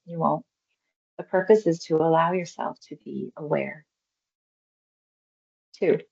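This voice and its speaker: A woman with a low, creaky voice guides a mindfulness exercise, giving body scan instructions as part of a guided meditation. Her phrasing is unhurried, gentle, and reassuring, and the recording sounds slightly muffled.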